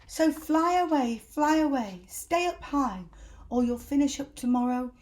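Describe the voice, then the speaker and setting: A woman's voice: sits high, expressive, unhurried, a little mellow, voice pushed up. A woman voicing a grand, self-assured and helpful travelling bird in a children's storybook. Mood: singing out warning.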